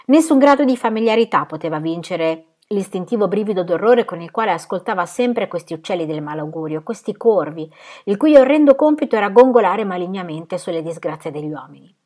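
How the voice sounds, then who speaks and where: A woman reading a novel aloud, expressive, raising her voice for quoted shouts and sinking to a whisper at tense moments. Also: mid-range voice, a little fast. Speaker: audiobook reader.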